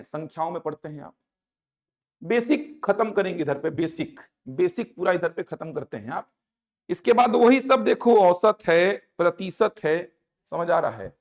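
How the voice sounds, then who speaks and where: A high-voiced man teaches an exam coaching class. He walks through the syllabus chapter by chapter and keeps asking whether the students are following. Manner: explaining and checking in with students.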